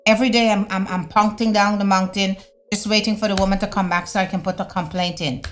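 A middle-aged woman talking to camera in a casual opinion vlog at home, animated and conversational with slangy asides. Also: mid-range voice, quick pace, soft background music. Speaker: vlogger. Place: home room, indoors. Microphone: fixed camera at desk.

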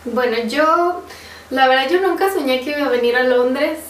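A young woman with a Mexican accent speaks in a high-pitched voice at a normal pace, laughing often as she casually answers viewer questions from the sofa in her living room. The recording sounds roomy and slightly distant, with a faint hiss.

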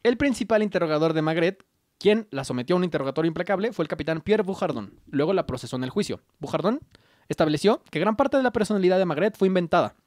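A man's voice: high-pitched, lively intonation, fast, a little mellow, no echo, studio quality. Joking Mexican man telling history. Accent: Mexican Spanish. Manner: joking, slangy, acts out characters while narrating. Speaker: podcast co-host telling a history story. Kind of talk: casual comedic storytelling.

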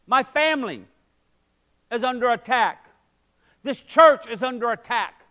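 Speaking from the front of a medium-sized church, a middle-aged pastor wearing a headset mic preaches in an unusually high, bright voice. He is expressive and unhurried, with a forceful tone, and he hammers his points home with emphatic rhetorical questions.

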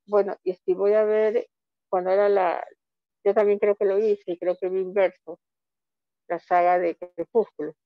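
A woman's voice: mid-range voice, no echo. Chatty woman on a dull, dry line. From Ecuador. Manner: chatty, rambling with many restarts. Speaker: comic author. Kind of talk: online book fair presentation.

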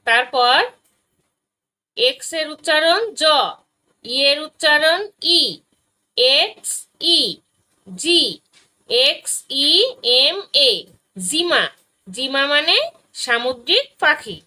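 A woman teaching a phonics lesson for young children, spelling out letters and sounds one by one with patient, deliberate delivery. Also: high-pitched, bright, forceful tone, rough recording.

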